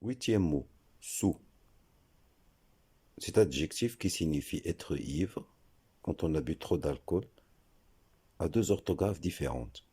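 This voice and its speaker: Very deep, slow-spoken man teaching French. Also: lively intonation, mellow, slightly rough. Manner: slow, deliberate, spells out letters. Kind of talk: scripted explanatory lesson.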